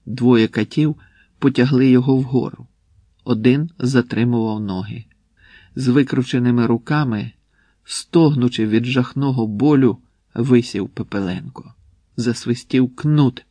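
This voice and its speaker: A man narrating a historical tale in a measured, grave storytelling manner. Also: mid-range voice, mellow, dry recording. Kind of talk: audiobook reading of a historical tale.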